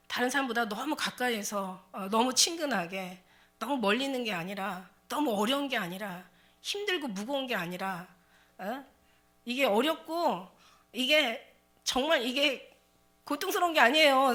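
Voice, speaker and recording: An older woman pastor giving a lively, conversational sermon in a church, joking and laughing as she talks. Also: fairly high pitch. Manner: lively, conversational preaching with laughs and dialect jokes.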